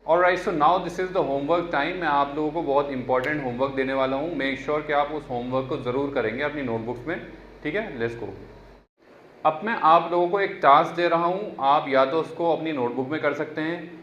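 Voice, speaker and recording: A man teaching a spoken English lesson, reading his example sentences slowly and carefully for learners. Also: on the high side, fairly bright tone, echoey room, highs cut off, slight background noise.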